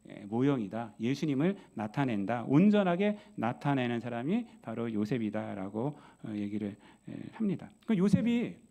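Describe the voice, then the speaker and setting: Speaking at a moderate pace with hardly any pauses, a medium-pitched male pastor delivers a sermon. Bible stories come alive as he voices the characters and fires off one rhetorical question after another.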